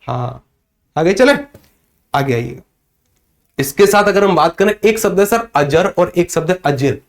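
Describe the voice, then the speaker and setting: High-voiced man teaching a Hindi class. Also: lively intonation, a little slow. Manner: repeats questions and answers them himself; addresses students as sir, reads out chat comments. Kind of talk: live online class.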